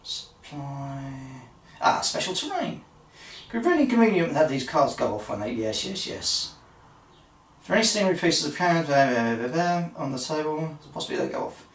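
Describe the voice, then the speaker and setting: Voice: medium pitch, sing-song, moderate pace. A player talking through a solo tabletop wargame, muttering dice sums, humming and chatting to themselves. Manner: mutters dice sums, hums and talks to self. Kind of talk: casual play-by-play of dice rolls. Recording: roomy sound from a distant mic.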